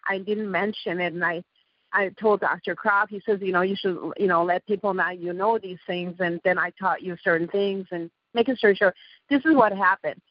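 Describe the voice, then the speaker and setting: A woman from Iran, speaking with an Iranian accent and a slight lisp from missing front teeth, rambles through her story as a guest in a casual interview. Her voice is medium-pitched with fairly even intonation at a normal speed, on a dry, dull lo-fi call recording.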